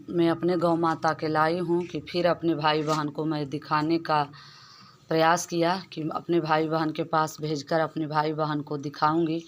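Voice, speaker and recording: A woman's voice: low-pitched, a little hiss or hum. A woman keeping a cow shelter, talking viewers through it in a plaintive, repetitive way, recorded outdoors on a phone. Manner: repetitive, plaintive, addresses viewers as brothers and sisters. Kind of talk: casual walkthrough vlog.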